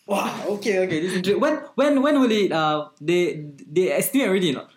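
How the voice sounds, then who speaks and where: A man's voice: high-pitched, fairly quick, echoey room. A man with a Singaporean accent chatting casually in Singlish, full of lah, ah and eh, and bantering about the news.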